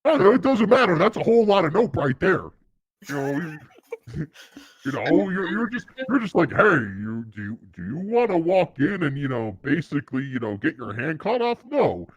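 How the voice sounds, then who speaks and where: A man's voice: fairly high pitch, big pitch swings, normal speed, slightly rough, no room sound. A man voicing a brash male adventurer who rambles and repeats himself. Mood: wry. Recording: dull lo-fi sound.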